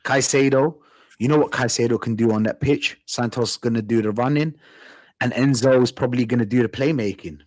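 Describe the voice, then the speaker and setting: A man's voice: mid-range voice, a little fast, no echo. A man hosts a football fan stream in a London roadman accent. His talk is casual banter full of street slang, with phrases repeated for emphasis. The sound is dry and close, with little room around the voice.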